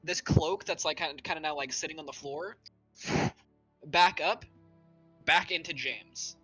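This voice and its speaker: Bright, easygoing game master. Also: medium pitch, a little slow, slightly rough, soft background music, low-quality recording. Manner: loose, filler-heavy, lots of "like". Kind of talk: narrating a tabletop game.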